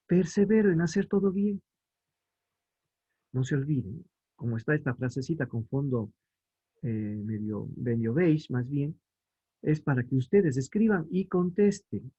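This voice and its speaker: A man's voice: on the high side, dark tone, breathy edge, lo-fi sound. A man giving a religious lesson to families, explaining patiently and asking questions that he answers himself. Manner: reads scripture aloud slowly. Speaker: family catechist.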